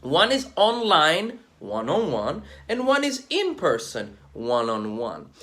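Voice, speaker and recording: Lively young man coaching dating. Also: fairly high pitch, slow. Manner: energetic, slangy, emphatic. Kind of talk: casual vlog talk to camera.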